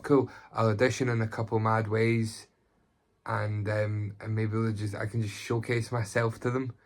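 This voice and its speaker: Sweary Glaswegian comedian, low voice. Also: male voice. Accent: Glaswegian Scottish. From Glasgow, Scotland. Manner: chatty, sweary, self-deprecating. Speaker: stand-up comedian. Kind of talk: casual talking-head interview.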